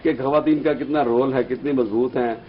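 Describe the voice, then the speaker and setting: A man's voice: mid-range voice, steady tone, normal speed, lo-fi sound, a little hiss or hum. A man, a guest on a talk show, chatting casually and telling joking stories. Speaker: guest, event organizer.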